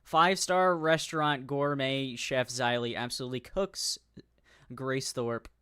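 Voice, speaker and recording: A man's voice: mid-range voice, little pitch movement, a little slow, a bit bright, clean tone, no room sound, studio quality. A man casually commenting on a clip, laughing often and mocking the speakers. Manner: laughs often, mocks in put-on voices.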